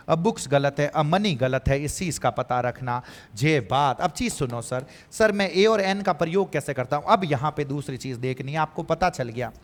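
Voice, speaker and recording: A man's voice: on the high side, long reverb tail. A male teacher giving an exam-prep grammar lesson, emphatic and repeating key words. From Rajasthan.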